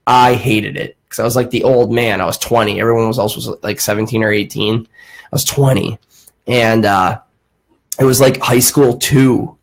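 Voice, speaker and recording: A man's voice: lowish voice, fairly even intonation, normal speed, creaky. A man in his late twenties hosting a podcast, telling a rambling story full of "like" and swearing. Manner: rambling, profane, heavy use of "like". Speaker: podcast host. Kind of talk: casual storytelling chat.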